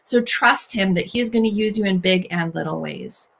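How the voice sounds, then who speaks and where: A woman's voice: mid-range voice, normal speed, vocal fry. A woman hosting a faith-based encouragement talk for women, speaking earnestly and straight to the listener as she reassures them. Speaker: host.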